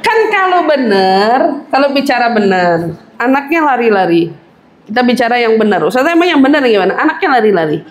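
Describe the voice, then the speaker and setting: A woman's voice: a little high, big pitch swings, brisk. A woman preacher giving a parenting lecture in a mosque, acting out mothers' lines and laughing often. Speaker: Islamic preacher. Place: mosque hall with audience. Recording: echoey hall, audience noise.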